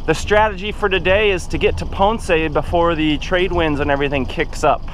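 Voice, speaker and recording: A young man narrating his day at sea in a relaxed, rambling way, with fillers and chuckles, speaking into an action camera on a sailboat. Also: a little high, fairly quick. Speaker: sailing vlogger. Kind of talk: casual vlog narration. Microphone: action camera on the boat. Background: upbeat music over wind and water.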